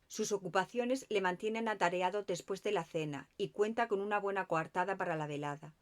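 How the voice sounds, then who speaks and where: A woman's voice: mid-range voice, brisk, natural voice. A woman reading the lines of a methodical male police inspector in an audiobook, matter-of-fact and businesslike.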